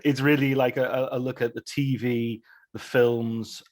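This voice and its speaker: A man's voice: medium pitch, level tone, measured pace. A man in his forties hosting an interview, chatty and friendly, laughing often as he asks questions. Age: 40s. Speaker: host.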